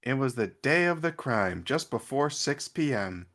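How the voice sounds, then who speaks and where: A man streaming a game, reading its text aloud and reacting with quick laughs. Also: mid-range voice, sing-song, noisy background. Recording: game music under the voice.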